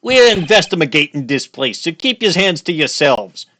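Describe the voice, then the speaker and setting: A man's voice: on the high side, very animated, normal speed, bright, forceful tone, no echo, pitched above the performer's own voice, exaggerated voice. A man voicing a bossy 1930s beat cop in a video game, barking orders to move along. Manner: old-time policeman bark. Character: bossy, gruff 1930s beat cop shooing people away. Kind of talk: amateur video game voice-over.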